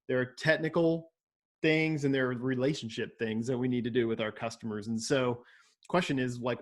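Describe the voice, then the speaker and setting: Friendly man leading a call discussion. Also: mid-range voice. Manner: friendly, hands the floor to others. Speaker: discussion facilitator. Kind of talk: casual video call discussion. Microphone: video call.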